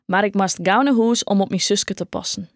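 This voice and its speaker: A woman with a Frisian accent voicing a gentle teenage boy who talks softly and openly about his grief, in an audiobook. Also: medium pitch, moderate pace, dry recording, studio quality, natural voice. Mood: sad.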